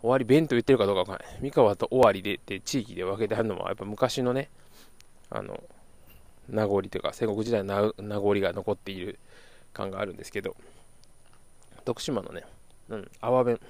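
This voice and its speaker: On his relaxed solo podcast, a young man from Kyoto, Japan, speaks a bit quickly in a lowish, somewhat mellow voice with vocal fry and a touch of Kansai accent. There are long pauses, and his rambling talk is full of self-corrections and chuckles. The recording is dry, with no room sound.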